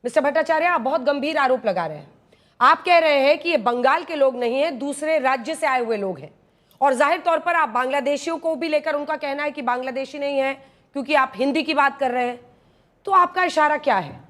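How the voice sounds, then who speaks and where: A woman news anchor moderating a heated TV debate, pressing a panelist and cutting in with sharp questions. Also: high-pitched, fairly quick.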